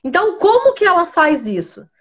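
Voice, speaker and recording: A woman, a pedagogue, giving parenting advice in a live-streamed interview, often tagging her sentences with a questioning "né" and pausing to greet viewers by name. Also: very high-pitched, very animated, a bit bright. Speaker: pedagogue guest.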